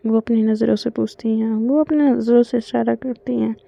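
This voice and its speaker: A woman's voice: a little high, steady tone, moderate pace, creaky, dark tone, no room sound. A woman telling a story in casual spoken style, chatty with fillers and self-corrections, in a dull, dry recording.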